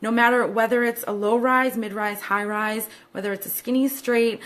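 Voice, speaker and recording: A woman's voice: a little high, steady tone, moderate pace, fairly bright tone. A woman fashion stylist answering viewer questions in a chatty, upbeat way, with many fillers and side remarks. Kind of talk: casual chat to camera.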